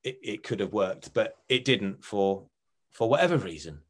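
A man's voice: fairly low pitch, expressive, moderate pace. A middle-aged man with an Essex accent, reminiscing casually as an actor in an interview, rambling and often correcting himself. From Essex, England. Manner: chatty, rambling, self-correcting. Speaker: actor and writer being interviewed.

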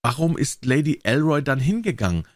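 A man reading the lines of a curious young gentleman in an audiobook story. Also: medium pitch, sing-song, fairly quick, no echo, clean studio sound, voice pushed up, lightly acted.

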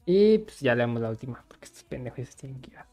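Podcast host, Mexican, medium pitch, casual and foul-mouthed banter, music underneath. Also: big pitch swings, fast, a little mellow. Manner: slangy, sweary. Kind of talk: casual, crude joking podcast chat. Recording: music behind the voice.

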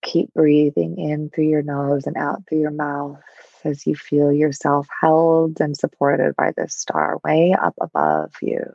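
A woman leads a guided meditation very slowly and softly. Her breathy voice carries a gravelly fry and drifts toward a near-whisper, with long soothing pauses. The recording is dry and a little dull. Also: low-pitched, no room sound.

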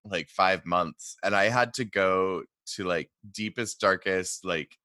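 Guy interviewing someone, casual chat, bright crisp edge, kinda low, no room sound. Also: slow pace, dry recording.

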